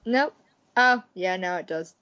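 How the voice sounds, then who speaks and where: A woman's voice: lowish voice, animated, measured pace, sharp tone, soft background music. A young woman co-hosting a podcast over an online call, playful and laughing often. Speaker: podcast co-host. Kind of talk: casual chat. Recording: dull lo-fi call audio.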